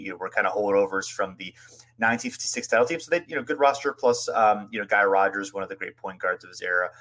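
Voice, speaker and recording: A man's voice: fairly low pitch, a bit bright. A man hosting a casual sports history chat, narrating loosely with many fillers. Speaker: podcast host.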